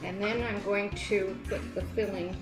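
An older woman baking in a home kitchen with her daughter, calm and brief, quietly explaining what she is doing with her hands. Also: mid-range voice, unhurried, reverberant, over loud music. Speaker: cooking show guest, the host's mother. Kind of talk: casual chat while baking.

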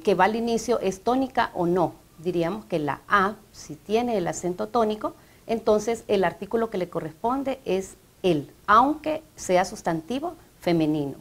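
A woman with a Honduran Spanish accent, a language professor hosting an educational TV show, explaining grammar in a measured way. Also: mid-range voice. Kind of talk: educational TV talk.

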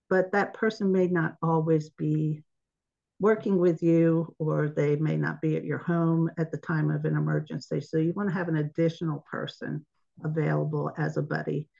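Chatty woman presenting a webinar, gravelly. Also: sits low, warm tone. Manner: chatty, laughs at own slip-ups. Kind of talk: informal online presentation. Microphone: video call. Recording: dull lo-fi webinar audio.

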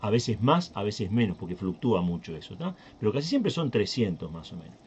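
Low-voiced Uruguayan man. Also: very animated, fairly quick, darkish tone, highs cut off, a little hiss or hum. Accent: Uruguayan Spanish. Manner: thinking aloud with many fillers and restarts. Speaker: tech channel host. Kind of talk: casual screen-recording walkthrough.

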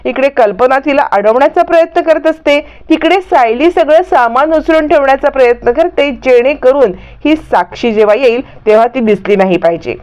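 A woman dramatically retelling a TV serial episode as a storyteller, lively and dramatic. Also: sits high, normal speed, few pauses, muffled recording.

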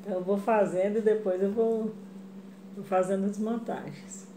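A woman's voice: mid-range voice, fairly even intonation, normal speed, dark tone, a little hiss or hum. A middle-aged woman from Brazil talking casually while she makes fabric flowers in her home kitchen. She speaks to her viewers in a chatty way and keeps adding little check-ins as she goes. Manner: chatty, addresses viewers as "gente", frequent "né?" and "tá?". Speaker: craft vlogger. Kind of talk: casual craft tutorial chat. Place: home kitchen, indoors, tiled walls. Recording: echoey tiled kitchen.

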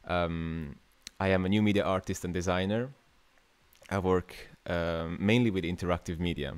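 An Italian man in his twenties, a new media artist, hosts a casual livestream masterclass from a small indoor room, chatting with viewers. His low voice keeps a fairly even intonation at a moderate pace with a clean tone. He talks informally and hesitantly, often thinking aloud.

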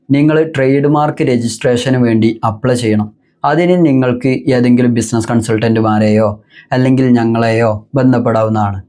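Consultant guy walking thru a tutorial, asks himself little questions, warm mellow tone. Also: mid-range voice. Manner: explains step by step, asks himself rhetorical questions. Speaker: business consultant. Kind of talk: tutorial explanation.

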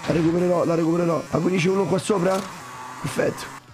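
A man who has lost his voice, croaking through casual gameplay commentary, joking and swearing with his viewers. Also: a little high, fast talker. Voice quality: croaky duck-like voice. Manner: swears a lot, jokey, talks to viewers. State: lost voice, hoarse. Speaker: gaming streamer. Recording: game music behind.

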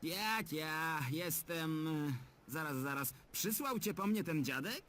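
A sarcastic grumpy talking bird. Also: male voice, fairly high pitch, animated, takes it slowly, a bit bright, a little hiss or hum. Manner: sarcastic, sulky. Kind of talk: game dub voice acting.

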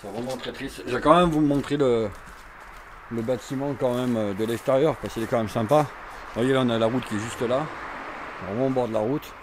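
Brisk and medium-pitched, a man in his forties narrates over a noisy background while exploring an abandoned, burned campsite outdoors. The urban explorer vlogger chats and rambles to his action camera, held in hand or on his chest, repeating himself and leaning on fillers.

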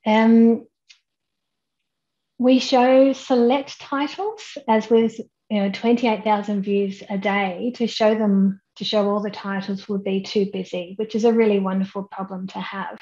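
Woman, thirties, steady explanatory presenter, relaxed voice, lo-fi webcam capture. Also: medium pitch. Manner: measured, explanatory, with frequent "um"s. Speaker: keynote speaker. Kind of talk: online conference presentation. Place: indoors at home, plain wall behind. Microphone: webcam at desk, head and shoulders framing.

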